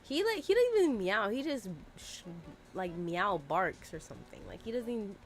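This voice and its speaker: This is casual livestream chat: a young woman plays a game in her room, talking into a desk mic with lots of "like" fillers in a chatty, exasperated manner. Her mid-range voice swoops wildly in pitch at a normal speed.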